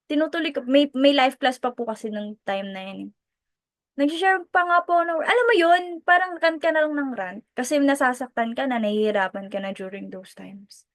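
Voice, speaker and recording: A Filipino woman, a sales team mentor, giving an animated motivational testimony in Tagalog mixed with English. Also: sits high, brisk, no echo. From Philippines. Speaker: direct-selling team mentor.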